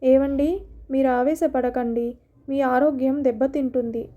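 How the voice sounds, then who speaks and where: Brief: a woman doing an anxious wife in a storybook reading, high, soft and pleading. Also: fairly even intonation, measured pace, muffled recording. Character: worried middle-aged wife of a landlord.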